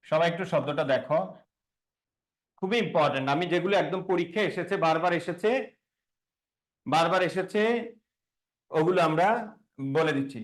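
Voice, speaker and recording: A man's voice: fairly high pitch, moderate pace, pauses often, rough recording. A man teaching a classroom grammar lesson, quizzing students and repeating key words. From Bangladesh.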